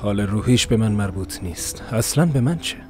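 A cold businessman cuts the conversation short in a lowish, curt voice, as a man dubs him. Faint music runs under the dubbed lines. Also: expressive, natural voice. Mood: dismissive. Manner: curt, dismissive. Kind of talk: Persian dub of a TV series.

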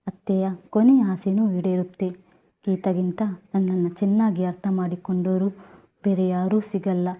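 A woman narrates an emotional story in the first person and quotes the other characters without changing her voice much. Her voice sits low and stays fairly flat. The sound is narrow and tinny, as if heard over a phone.

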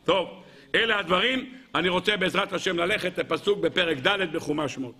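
A rabbi teaches a weekly Torah lesson in a high, bright, keen voice. He fires off rhetorical questions, repeats them and answers them himself. He swings animatedly between raised and lowered tones while calling his listeners gentlemen. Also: husky.

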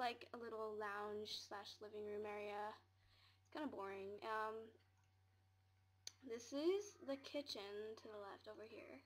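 A woman with a slightly high voice talks through a tour of her game home. She mumbles and rambles, filling the gaps with ums and little giggles. She is recorded in a small room.

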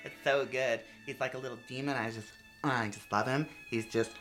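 A young man co-hosting a casual horror film chat in a campy, gushing, animated way. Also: mid-range voice, brisk. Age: young adult. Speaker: co-host. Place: indoor horror-themed studio set. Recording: music behind the voice.

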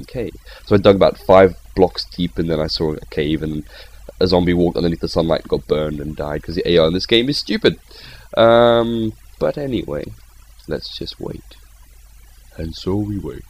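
A young man rambling casually as he commentates his own gameplay, with excitable outbursts. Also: sits low. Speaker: gaming channel host.

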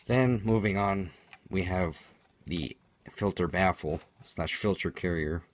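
A man's voice: low-pitched, slow pace, a little hiss or hum. A man giving an unscripted product demonstration in a matter-of-fact, explanatory way, as a reviewer.

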